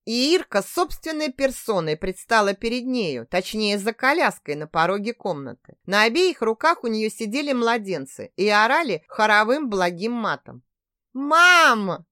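A woman narrating an audiobook in a measured, expressive reading. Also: medium pitch, no echo, studio quality. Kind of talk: scripted narration.

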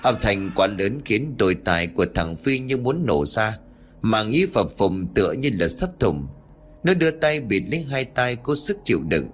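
A man narrating a ghost story audiobook in an expressive, dramatic way. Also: on the low side, slight background noise.

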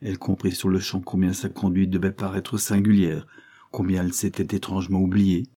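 A man reading a novel aloud as an audiobook, in measured, dramatic storytelling. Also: low-pitched, level tone, dark tone, breathy edge. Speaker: audiobook narrator. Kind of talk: audiobook narration.

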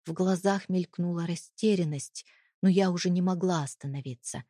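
A woman reading a first-person novel aloud as an audiobook, in an even, measured way. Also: lowish voice, no room sound, clean studio sound. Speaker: audiobook reader.

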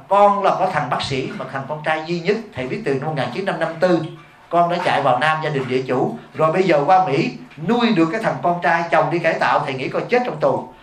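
Fast-talking monk preaching. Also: male voice, on the high side, a little hiss or hum. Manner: blunt and emphatic, keeps questioning the audience. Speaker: Buddhist monk teacher. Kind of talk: sermon. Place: hall before a live audience. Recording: echoey hall.

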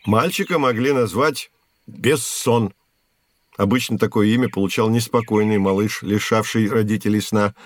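An actor plays a patient, knowledgeable man teaching children, delivering scripted educational narration like a storyteller. His fairly low voice, close to an everyday one, has fairly even intonation and normal speed, with clearly phrased, explanatory delivery. There is no room sound.

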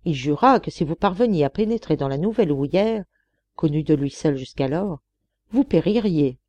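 Woman voicing an earnest young woman in a storybook, self-sacrificing, pleading, mellow warm tone, close dry sound. She speaks with quiet resolve. The voice stays soft and dark. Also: sits low, lively intonation, normal speed, no room sound, dull audio. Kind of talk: audiobook character reading.

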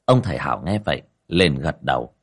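Husky male horror story narrator. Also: a bass voice, lively intonation, a little fast. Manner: dramatic storytelling. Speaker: audiobook narrator.

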